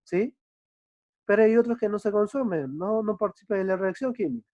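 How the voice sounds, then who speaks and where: A male chemistry teacher explaining a lesson patiently, often checking understanding with quick tag questions. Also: high-pitched, a little mellow, no room sound. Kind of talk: online class explanation. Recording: dull dry lo-fi recording.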